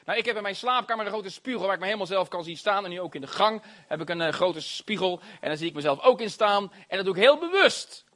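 A man preaching a sermon, animated and exclamatory, with frequent hallelujahs and amens and laughter between phrases. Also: high-pitched, fast.

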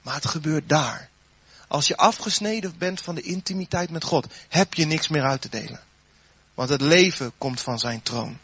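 Fervent preacher man, husky dull recording. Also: on the high side. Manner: fervent, swells loud then drops soft. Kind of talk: sermon and spoken prayer.

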